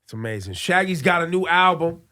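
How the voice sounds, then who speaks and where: Bright, animated male interviewer. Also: a little high, a little fast. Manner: informal, slangy interjections. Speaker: interviewer and show host. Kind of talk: casual music interview.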